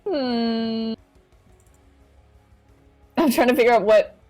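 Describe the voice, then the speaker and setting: A woman's voice: a little high, takes it slowly, darkish tone, faint music behind. A young woman playing in a tabletop game, talking casually and unsure of the rules. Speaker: player.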